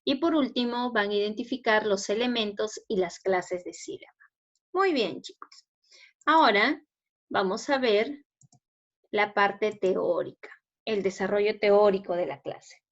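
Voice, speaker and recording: A woman with a Peruvian Spanish accent teaching a spelling lesson to students, explaining patiently and checking understanding with quick questions. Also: medium pitch. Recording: dull lo-fi recording.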